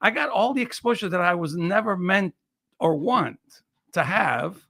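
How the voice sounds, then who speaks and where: A professional photographer in his sixties from Naples, Italy, tells personal stories as a guest in a casual interview, speaking with an Italian accent and repeating phrases for emphasis. His voice sits high with lively intonation, normal speed, vocal fry and a sharp tone.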